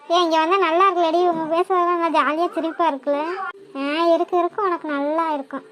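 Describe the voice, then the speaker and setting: A woman's voice: extremely high pitch, fast talker, slight background noise. A woman voicing chatty young village women in a cartoon, teasing and bossy. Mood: cheerful. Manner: lively, teasing, bossy banter. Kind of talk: cartoon voice acting.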